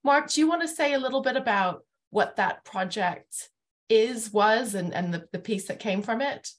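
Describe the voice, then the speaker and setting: Wearing a wired earphone headset on a video call from her living room, a middle-aged host and interviewer leads a thoughtful discussion, earnestly and articulately hunting for the right words. Her voice sits on the high side, with lively intonation and a moderate pace.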